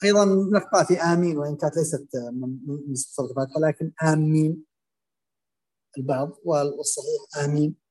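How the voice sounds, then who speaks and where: A man teaching Quran recitation, explaining and demonstrating common pronunciation errors in a halting, filler-heavy way. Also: fairly high pitch, fairly even intonation, a little mellow, slightly rough. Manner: hesitant, many fillers and restarts, demonstrates pronunciations aloud.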